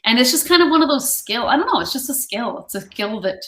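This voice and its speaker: A woman tutor talks casually on a video lesson. Her voice is fairly high and very bright, with the echo of the room around it. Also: animated, quick pace. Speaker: online English tutor and stage actor. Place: indoor room on a video call. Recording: echoey room.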